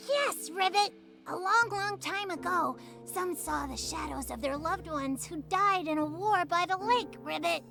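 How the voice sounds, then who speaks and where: Small female croaker, game character: extremely high, gravelly edge, timid chatterbox, habitual ribbits. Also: lively intonation, a little slow, sharp tone, full character voice. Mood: chatty, earnest. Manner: punctuates sentences with croaking "ribbit". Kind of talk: scripted game dialogue. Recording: game music behind.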